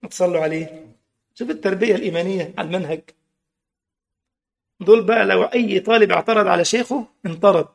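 A man's voice: sits high, fast talker, gravelly, long pauses. A man with an Egyptian Arabic accent preaching a sermon, impassioned, full of rhetorical questions and mocking asides.

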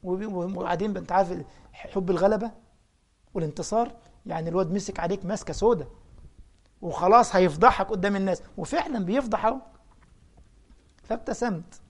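Middle-aged egyptian preacher guy, talks quick, rough gravelly edge, animated storytelling. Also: sits high. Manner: animated storyteller, acting out dialogue. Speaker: preacher and imam. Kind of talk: storytelling religious talk.

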